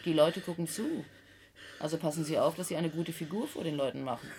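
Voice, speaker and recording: Cool interrogator in a radio play, lowish, insinuating, faint background hiss. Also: female voice, brisk, vocal fry. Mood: needling. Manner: calm, needling, insinuating questions. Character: cool, probing female game-show interrogator. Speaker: quiz interrogator.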